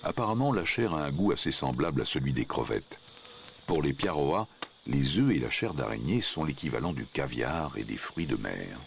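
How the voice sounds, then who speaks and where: A man's voice: rumbling low, sing-song, moderate pace, gravelly, a little hiss or hum. A man reading scripted narration for a nature documentary.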